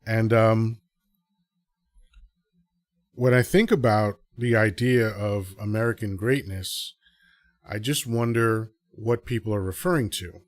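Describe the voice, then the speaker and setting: A Dominican man with a lowish voice hosts a live podcast, speaking slowly with fairly even intonation and long pauses, and there's no room sound. His solo commentary to the live audience is casual, rambling, and earnest, and he keeps correcting himself as he thinks aloud.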